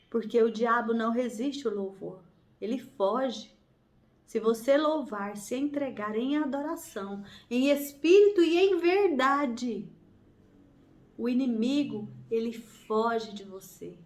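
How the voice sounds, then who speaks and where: A woman leading a family prayer circle, preaching fervently with repeated exhortations and reading scripture aloud. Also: on the high side. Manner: fervent, repetitive exhortations with hallelujahs; slow, emphatic, drawn-out phrasing. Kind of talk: devotional preaching and Bible reading.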